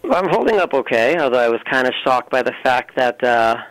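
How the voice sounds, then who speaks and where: A man calling in to a radio talk show over the phone, chatting in a relaxed, easygoing way. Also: medium pitch, brisk, no room sound, rough recording. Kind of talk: casual chat.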